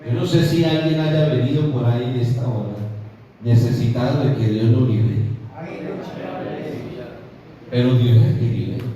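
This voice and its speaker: A man's voice: medium pitch, normal speed, pauses often, lo-fi sound, a crowd in the background. A man with a Colombian Spanish accent preaching a fervent sermon to his congregation as pastor, often addressing them as brother. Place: large church hall. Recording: echoey hall, voice from far off.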